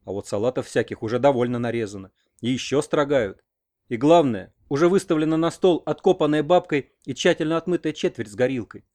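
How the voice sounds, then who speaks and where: Man, audiobook narrator, measured, expressive, mid-range voice. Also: medium pitch. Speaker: audiobook reader. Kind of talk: scripted narration of a homemade audiobook.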